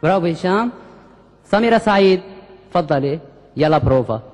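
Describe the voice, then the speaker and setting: Fast-talking exasperated man. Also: on the high side, lively intonation, a little mellow. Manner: bossy, exasperated, rattles off orders. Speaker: comedian playing an orchestra conductor. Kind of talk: comic sketch. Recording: echoey reverb.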